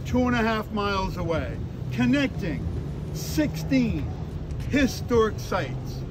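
Declamatory older man, high-pitched town crier delivery. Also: very animated. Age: 60s. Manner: emphatic, short dramatic phrases with deliberate pauses. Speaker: costumed Freedom Trail tour guide. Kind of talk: theatrical historical tour narration. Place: outdoors in parks and streets among a tour group. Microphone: handheld phone a few steps away. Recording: phone recording with outdoor city noise.

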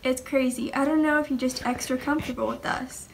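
A woman's voice: high-pitched, steady tone, fairly quick, gravelly, a little hiss or hum. A teenage girl vlogging casually on a handheld camera, bubbly, giggly and a little dramatic. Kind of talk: casual vlog chat. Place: home and mall.

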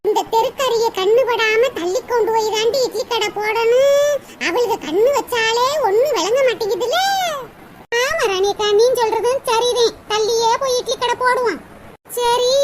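A woman's voice: very high-pitched, normal speed. A woman voicing chatty, consoling village women in a cartoon, with a south Tamil Nadu accent. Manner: consoling, gossipy, calls others akka and di. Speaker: neighbor. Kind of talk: cartoon voice acting. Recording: loud background noise.

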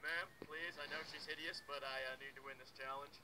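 A man's voice: on the high side, steady tone, a little fast, background noise, natural voice. A man voicing a sarcastic loner male contestant in a cartoon, with a dry manner.

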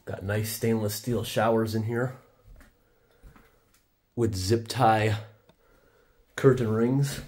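On noisy camera audio full of rain and ambient sound, an urban explorer vlogger gives casual, off-the-cuff commentary while exploring abandoned buildings and the rainy outdoors. His voice sits on the low side with a steady tone, and he talks slowly with frequent pauses.

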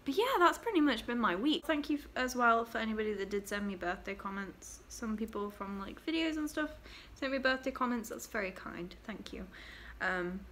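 A young English vlogger speaks on the high side at normal speed, pausing little, her voice a bit bright. The laptop webcam on her desk adds a little hiss or hum. She chats casually to camera from a small bedroom, giggling and tailing off into fillers.

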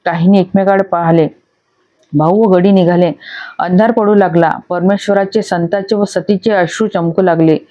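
A woman narrating a storybook audiobook in a steady, measured way, on a dull lo-fi recording. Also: medium pitch. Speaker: audiobook reader.

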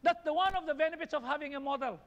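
In a church hall thick with long reverb, a Filipino-accented pastor preaches at a fast clip in an extremely high, creaky voice. He mixes Tagalog with English and drives his points home through rising, emphatic lists.

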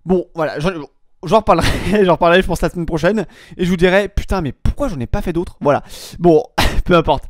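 Rambling French web radio host. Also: male voice, high voice, a little fast, no room sound, clean studio sound. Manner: rambling, keeps promising to come back to topics; many hesitations and restarts. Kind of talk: casual solo radio-style chat.

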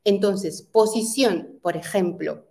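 A woman's voice: mid-range voice, takes it slowly, gravelly, mellow. A woman presenting an educational webinar on early literacy, explaining step by step and asking rhetorical questions.

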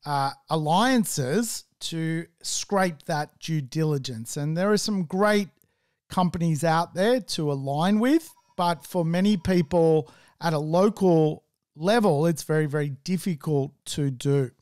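A man's voice: a little high, slow, a little mellow, dry recording, clean studio sound. A man hosting a solo podcast, talking in a chatty, informal way with joking asides. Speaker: property investing podcast host.

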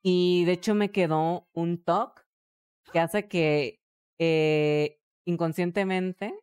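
Mexican woman streamer, low voice, crude jokey game commentary. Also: fairly even intonation, slow pace, darkish tone, smooth, dry recording. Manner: crude, joking, talks to chat. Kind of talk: casual live gameplay commentary.

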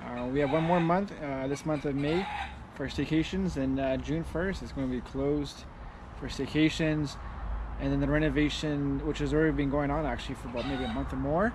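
A man in his thirties chatting casually in an outdoor vlog, relaxed and rambling with lots of fillers, filmed at arm's length in a backyard. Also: a little high, a little fast. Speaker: vlogger, hotel worker. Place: backyard patio outdoors, roosters crowing. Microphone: camera at arm's length. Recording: outdoor recording with loud rooster noise.

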